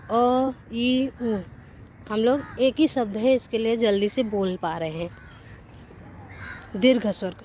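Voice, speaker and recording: A woman's voice: a little high, mellow, a little hiss or hum. A woman teaching a grammar lesson, sounding out letters one by one and restarting her sentences as she goes. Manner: repeats and corrects herself mid-sentence.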